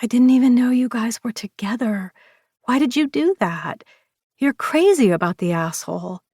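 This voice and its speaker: A woman's voice: mid-range voice, lively intonation, measured pace, dry recording, clean studio sound, pitched above the performer's own voice. A woman voicing a caring young woman in an audiobook, soothing and affectionate. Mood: concerned. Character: warm caring young woman, best friend.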